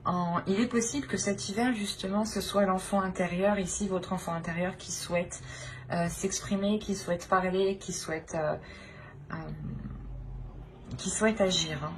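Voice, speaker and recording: With a mid-range voice, fairly even intonation, and a moderate pace, a woman improvises a tarot reading for her channel's viewers. Slight background noise accompanies her searching, hesitant delivery full of repeated and rephrased phrases.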